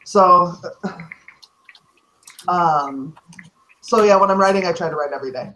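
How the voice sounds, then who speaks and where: A woman's voice: on the low side, measured pace, bright, forceful tone, slight background noise, rough recording. Rambling woman author on a call. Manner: rambling, self-correcting, frank. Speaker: author guest. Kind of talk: casual chat on a video call. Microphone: video call.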